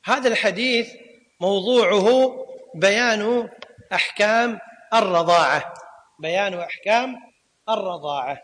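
Here the same lecturer in Islamic law and grammar speaks in a high, fairly bright voice at an unhurried pace, pausing often. He questions the class and repeats the main points, and the hall gives a long reverb.

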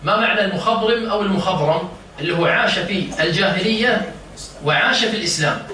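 A high, bright-voiced man leads an informal religious lesson, pausing to quiz his listeners and explain each word. He is heard from a distance in a very echoey room. A faint hiss of noise runs underneath. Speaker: religious teacher. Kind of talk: informal lesson to a seated circle.

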